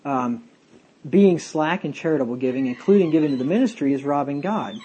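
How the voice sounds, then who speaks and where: A man's voice: a little high, expressive, brisk, mellow, breathy edge. A man, a pastor, teaching a Bible study sermon, reading King James verses aloud and explaining them.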